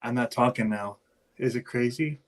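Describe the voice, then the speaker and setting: A man's voice: medium pitch, normal speed. A man co-hosting a live stream over a video call, his audio choppy and freezing from a bad connection as he asks whether he can be heard. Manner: unsure, asking if his connection is working. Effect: choppy, lagging internet call audio that keeps freezing. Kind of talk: casual live-stream chat.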